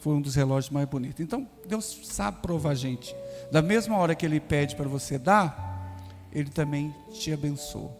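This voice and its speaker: A man's voice: a little high, moderate pace. Man preaching a folksy testimony. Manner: folksy storytelling with acted dialogue. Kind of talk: sermon testimony. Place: church sanctuary. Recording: reverberant church hall with music.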